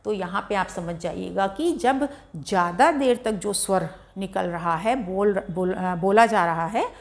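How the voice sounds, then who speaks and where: A woman teaching Hindi grammar, explaining vowel sounds and stretching each vowel out to demonstrate its length. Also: medium pitch. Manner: slow, drawn-out vowel demonstrations. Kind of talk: classroom lesson explaining pronunciation.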